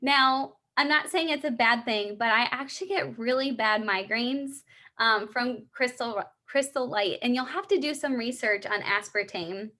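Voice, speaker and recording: A woman's voice: a little high, measured pace, sharp tone. A young woman in a three-way phone call sales role-play, explaining and encouraging in an upbeat, conversational way. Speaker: supplement sales consultant.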